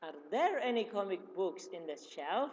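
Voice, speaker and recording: Guru laki-laki yang bicara pelan dan sabar. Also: male voice, sits high, sing-song. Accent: Indonesian. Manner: slow, patient, repeats each phrase. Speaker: religious school teacher. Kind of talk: classroom explanation. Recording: dull reverberant room recording.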